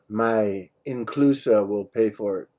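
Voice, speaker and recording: A man with an American accent talks casually on the phone, his voice low, slow and somewhat dark. He keeps it laid-back and matter-of-fact, using short, plain sentences in a personal chat.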